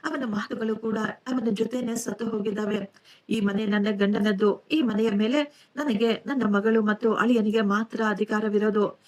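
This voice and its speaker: A woman's voice: medium pitch, steady tone, moderate pace, natural voice. A woman voicing a bullying older mother-in-law in a storybook tale, cold and scolding. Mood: harsh. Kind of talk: storybook narration.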